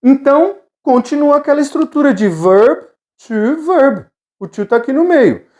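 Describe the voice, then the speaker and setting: Slow, lively Brazilian woman teaching English. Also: high-pitched. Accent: Brazilian Portuguese. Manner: slow, drilling repetition, switches between Portuguese and English. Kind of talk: online video lesson. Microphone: camera with ring light.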